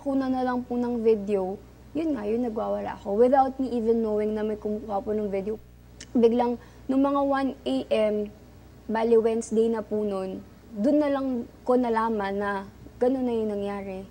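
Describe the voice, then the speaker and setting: A woman's voice: fairly high pitch, fairly even intonation, moderate pace, dark tone. A young woman recounting her own story candidly, acting out what people said, for a recorded testimony. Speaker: testimony speaker. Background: music.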